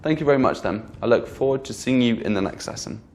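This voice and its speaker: Male pronunciation tutor, mid-pitched, patient, drawing out example words for learners. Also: lively intonation, fast talker. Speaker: English teacher. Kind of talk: online pronunciation lesson.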